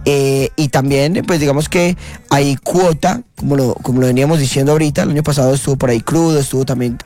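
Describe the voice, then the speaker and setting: A man with a Colombian accent hosting a radio show, announcing in an upbeat sing-song way with quick asides. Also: mid-range voice, steady tone, darkish tone. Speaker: radio host. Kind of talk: lively radio chat. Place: radio studio.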